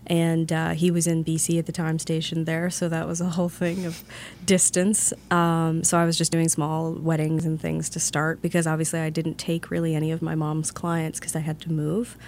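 A young woman from Ontario with a lowish voice tells her stories bluntly and frankly, swearing freely. She sits in relaxed podcast chat over a faint low rumble. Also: moderate pace. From Ontario, Canada. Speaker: guest florist.

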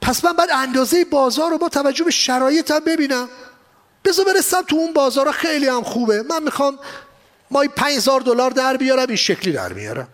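A man with a strikingly high voice lecturing a seminar crowd on business. He talks in an animated way, firing off rhetorical questions and slipping English phrases into his talk. He sounds like a trainer at a live event in an exhibition hall. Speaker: export trainer.

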